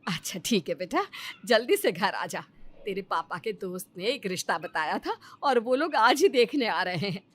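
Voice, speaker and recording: A woman voicing a caring, practical mother in an animated story, fussing warmly over her daughter. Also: medium pitch, moderate pace. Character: caring middle-aged mother, worried and practical.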